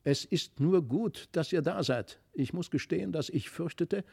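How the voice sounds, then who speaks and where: A man's voice: fairly high pitch, moderate pace, vocal fry, darkish tone, husky. A man voicing a worried nobleman father in a storybook reading, speaking earnestly. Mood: relieved.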